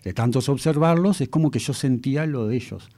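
A man's voice: medium pitch, fairly quick, mellow, no room sound. A man in his fifties with a Uruguayan accent, a guest telling stories from his childhood in a talk-show interview. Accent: Uruguayan Spanish. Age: 50s. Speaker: guest, mentalist.

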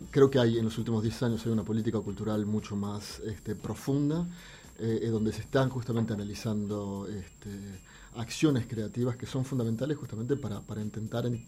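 A middle-aged Uruguayan man, a visual artist raised in France, Venezuela and Argentina, answers interview questions as a guest with a Uruguayan accent. He explains things in a halting, thoughtful way, repeating words while searching for the next one. His voice is fairly low and dark, with faint background noise as he drifts off mic.

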